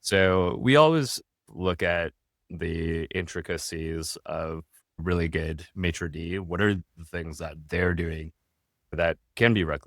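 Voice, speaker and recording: A man's voice: low voice, slow pace, fairly bright tone, no room sound, studio quality. A man talking casually as a podcast guest, explaining steadily and often tagging his points with "right?". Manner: tags statements with a questioning "right?"; explains steadily, with small restarts. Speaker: guest, restaurant tech founder.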